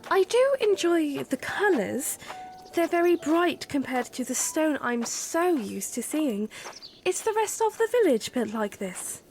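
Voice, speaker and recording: A woman playing a gentle, polite young princess with a hesitant, stammering, courteous manner in an audio drama. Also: high voice, very animated, unhurried, slight background noise, heavily acted, low-quality recording. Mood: curious. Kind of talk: fan audio drama acting.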